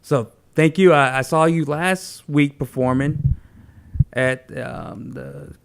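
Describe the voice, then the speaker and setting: Rambling higher-voiced male host. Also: slow pace, vocal fry, background noise. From Tennessee. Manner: rambling, animated, lots of restarts. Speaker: podcast host. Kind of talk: casual chat.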